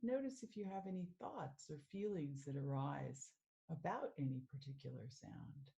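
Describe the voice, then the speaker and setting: A woman working as a mindful living coach, leading a guided meditation in a calm, soothing way. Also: deep voice, vocal fry. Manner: slow, calm, soothing guidance.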